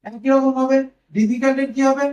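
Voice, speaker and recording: A man's voice: very high-pitched, fairly even intonation, fairly quick, darkish tone. A man teaching English grammar to students, patiently spelling words out letter by letter. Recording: echoey room, mic at a distance.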